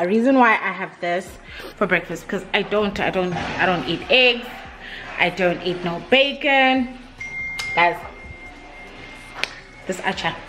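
A young woman chatting casually to a handheld camera for her vlog, animated and laughing between phrases. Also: mid-range voice, poor audio. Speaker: vlogger. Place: gym, kitchen and parked car. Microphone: handheld camera at arm's length. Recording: loud music playing behind her.

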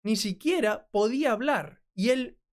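A woman's voice: a little high, lively intonation, unhurried. Spanish-speaking woman narrating video commentary. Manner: conversational, frequent checking "¿mm?". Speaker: commentary host. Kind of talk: reacting to and translating a video.

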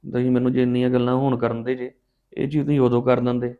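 A man's voice: medium pitch, little pitch movement, fast talker, narrow, tinny audio. A man acting as a young father in a scripted family drama, defensive and hot-tempered, pleading with his aunt.

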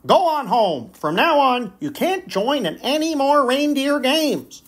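A woman's voice: high-pitched, sing-song, measured pace, pitched above the performer's own voice. A woman reading a storybook aloud and voicing a bossy male reindeer coach. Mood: harsh.

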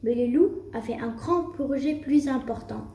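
A woman's voice: high-pitched, normal speed, mellow, recorded from a distance. A woman reading a fairy tale aloud for a school puppet show, with a few restarts. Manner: storybook reading with occasional restarts and fillers. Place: school room. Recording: roomy, faint background ambience.

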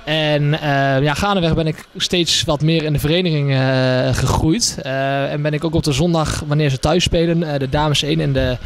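A man's voice: on the high side, steady tone, moderate pace, few pauses, a little hiss or hum. A young man in his twenties, a hockey trainer, talking hesitantly with many fillers in a casual promo interview. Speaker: hockey trainer and event organizer. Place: small indoor café. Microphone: handheld microphone.

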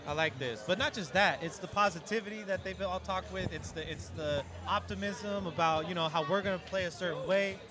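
A man's voice: high voice, brisk, hardly any pauses, music in the background. A man hosting a casual podcast outdoors at a block party, upbeat and joking. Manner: upbeat, joking, wrapping up the show. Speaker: podcast host.

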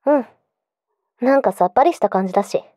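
Woman acting mellow pillow-talk yandere girlfriend, close-up. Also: a little high, lively intonation, quick pace, dry recording, lightly acted. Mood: sweet, clingy. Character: clingy, possessive yandere girlfriend turned stalker. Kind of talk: intimate pillow-talk role-play for the listener.

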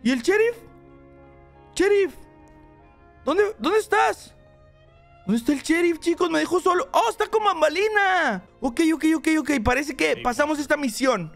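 The voice is very high and gravelly, carried by a young man. He gives excitable let's play commentary and talks to his viewers the whole time. Soft music plays underneath. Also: a little fast, few pauses. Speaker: gaming channel host.

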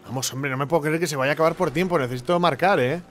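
A young man from commentating his own gameplay, excitable, with sudden shouting bursts and repeated words. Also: a little high, racing, slight background noise. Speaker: gaming YouTuber.

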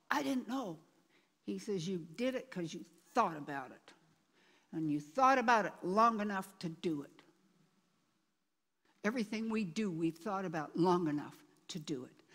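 A woman's voice: medium pitch, fairly bright tone. A woman pastor preaching a sermon, reading scripture aloud and repeating words for emphasis. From Canada. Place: church sanctuary. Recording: long reverb of a church hall.

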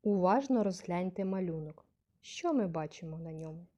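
A woman teaching a young class, slow and patient, saying example words aloud with a rising question tone to stress syllables. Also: lowish voice, lively intonation, warm tone. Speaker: primary school teacher. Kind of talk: scripted lesson narration.

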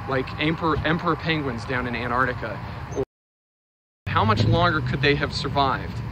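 A young man talking casually into a handheld camera as he walks outdoors, musing aloud with frequent fillers. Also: medium pitch. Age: young adult. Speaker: vlogger. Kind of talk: casual walking vlog monologue. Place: outdoors on city streets and trails. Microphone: phone or camera held at arm's length. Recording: outdoor street noise behind. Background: traffic and outdoor ambience.

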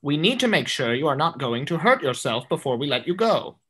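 A woman voicing a curt male psychiatrist who speaks flatly, firmly and slowly. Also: low-pitched, pitched below the performer's own voice. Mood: clinical. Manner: flat, firm and slow.

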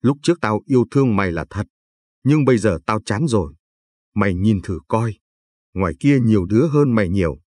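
A man's voice: lowish voice, lively intonation, fairly quick, darkish tone, slightly rough, no room sound. A man reading the part of a cruel, contemptuous husband who sneers, insults and threatens in a storybook reading. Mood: sneering.

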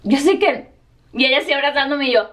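A woman's voice: high voice, a little fast, background noise. A young woman with a Mexican Spanish accent tells a story to her vlog camera, acting out each exchange in quoted voices. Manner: lively, acts out every exchange in quoted voices. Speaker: vlogger.

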